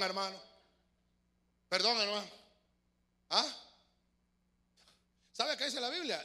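A man preaching a fervent sermon in church, swinging from shouts to soft asides. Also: high voice. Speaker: pastor.

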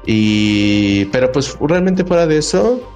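A man's voice: mid-range voice, sing-song, takes it slowly, darkish tone, faint music behind. A man with a Mexican accent chatting casually on a podcast in loose, slangy speech with frequent restarts.

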